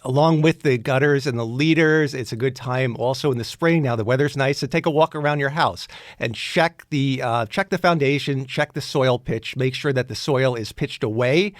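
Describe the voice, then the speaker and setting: A man's voice: medium pitch, normal speed, no room sound. Guy on a radio show giving home upkeep tips, chatty, restarts a lot, dry studio sound. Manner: practical, advice-giving, frequent restarts. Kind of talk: casual radio talk.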